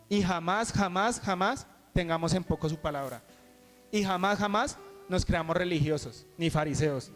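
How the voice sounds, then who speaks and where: High-voiced preacher man in a reverberant hall. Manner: earnest storytelling preaching with frequent restarts. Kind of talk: sermon. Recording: reverberant hall with soft guitar music.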